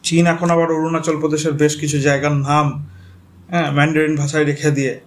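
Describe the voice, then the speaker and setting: Bengali guy teaching geography, slightly high voice, spells stuff out, keeps asking "ok?". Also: level tone, fast. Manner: explains step by step, spells names out, checks in with "okay?". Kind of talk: geography lecture.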